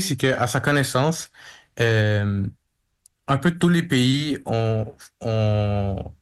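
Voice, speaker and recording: A young man speaks as a live interpreter for a radio guest. He rephrases and restarts as he searches for words, at a middle pitch. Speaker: simultaneous interpreter.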